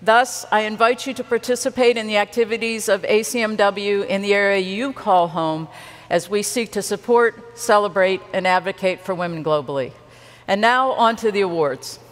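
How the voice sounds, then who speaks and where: A woman in her sixties gives a formal, measured speech from a podium on a large conference stage, wearing a headset mic. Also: medium pitch. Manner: measured, deliberate reading from a podium. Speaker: awards presenter. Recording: long hall reverb.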